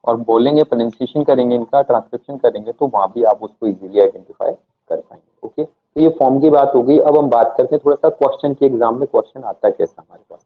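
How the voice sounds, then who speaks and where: A man's voice: medium pitch, quick pace. Man teaching grammar over tinny audio. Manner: asks the class questions and answers them himself, spells words letter by letter. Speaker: English teacher. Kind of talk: classroom grammar lesson.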